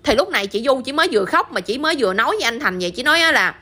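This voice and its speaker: Southern vietnamese woman telling a story, chatty, high quick voice. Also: expressive, sharp tone. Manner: chatty, addresses listeners often with tag questions. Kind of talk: casual spoken storytelling.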